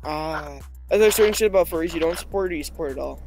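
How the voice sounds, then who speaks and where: A man rattles off his words quickly in a fairly high voice. He is blunt and crude but laid-back, and he keeps calling people dude on a casual video chat. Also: darkish tone, soft background music, rough recording.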